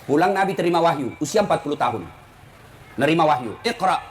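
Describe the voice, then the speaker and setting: A middle-aged man giving a humorous sermon, animated and teasing, acting out voices of husbands and wives. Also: fairly high pitch, fast talker. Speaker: preacher. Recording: noisy live event recording.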